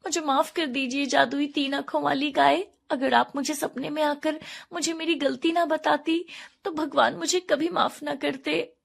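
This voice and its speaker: A woman voicing a sharp-tongued village mother who scolds loudly in a cartoon story. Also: fairly even intonation, normal speed, vocal fry. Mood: apologetic. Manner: shrill, scolding.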